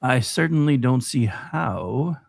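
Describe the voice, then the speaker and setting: A man acting a brainless, good-natured, folksy scarecrow with a creaky, gravelly voice in a parody radio play. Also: mid-range voice, animated, takes it slowly, dry recording, studio quality, heavily acted. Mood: plucky.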